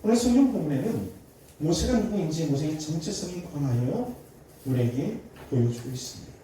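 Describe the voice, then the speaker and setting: Korean pastor preaching in an echoey church. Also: male voice, a little high, animated, a little fast, slight background noise. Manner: acts out dialogue in a story, shouting angrily in a raised voice. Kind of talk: sermon with storytelling. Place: church sanctuary. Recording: echoey church sound from a distance.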